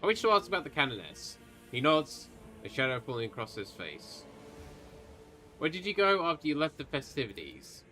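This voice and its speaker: A man's voice: on the high side, big pitch swings, normal speed, sharp tone. A man running a tabletop game as game master on a livestream, narrating scenes and asking questions with casual asides.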